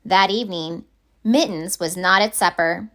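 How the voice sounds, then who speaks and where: A woman with a lowish voice reads a children's picture book aloud in an expressive, deliberate storytelling manner.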